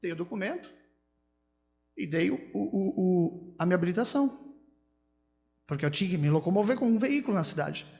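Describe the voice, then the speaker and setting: A Brazilian man, a pastor, preaches with a strikingly high-pitched voice. He tells anecdotes before building to fervent preaching. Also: expressive, brisk, creaky, long pauses, darkish tone, in a large hall. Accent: Brazilian Portuguese. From São Paulo, Brazil. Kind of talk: storytelling sermon.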